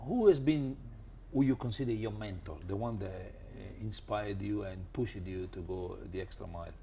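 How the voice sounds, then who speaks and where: A man hosting a podcast interview, effusive in his praise and often halting and restarting mid-sentence. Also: lowish voice, vocal fry, mellow, a little hiss or hum. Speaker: podcast host.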